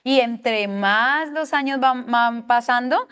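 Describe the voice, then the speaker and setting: Colombian woman, middle-aged, church parenting teacher, smooth clear voice, earnest with questions to the room. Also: a little high, takes it slowly, fairly bright tone. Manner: earnest, asks the audience questions.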